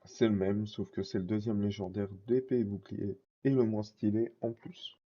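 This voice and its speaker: A man's voice: on the low side, little pitch movement, moderate pace, breathy edge, highs cut off. A man chatting casually while showing his card collection, rambling with lots of fillers and self-corrections. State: scratchy throat.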